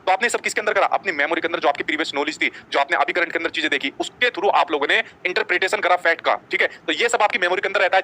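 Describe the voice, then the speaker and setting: A man gives a live online exam-prep lecture at a very rapid clip. His voice is bright and forceful and sits a little high. He quizzes the class with questions and answers them himself, checking in with "ठीक है?" again and again. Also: low-quality recording. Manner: adds "ठीक है?" after nearly every point.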